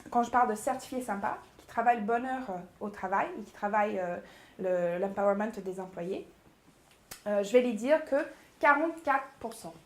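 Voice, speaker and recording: A woman coaching a public speaking workshop, lively and chatty, demonstrating pace and pauses. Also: medium pitch. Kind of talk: workshop teaching. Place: agency workshop room. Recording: echoey room.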